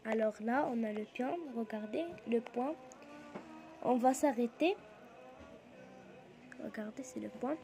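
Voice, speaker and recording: A woman teacher with a North African French accent leads a reading lesson. Her voice sits high, and she talks slowly and carefully. She stops often to point out commas and full stops to young pupils. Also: creaky, soft background music. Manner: slow and deliberate, pausing to point out punctuation; reads poem lines louder and more emphatic. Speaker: primary school teacher.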